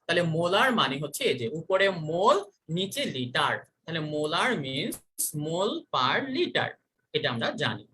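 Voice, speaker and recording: In an online chemistry class, a teacher quizzes students, repeating each question. Her voice is bright and clear, with a sing-song pitch that rises and falls freely at a normal speed.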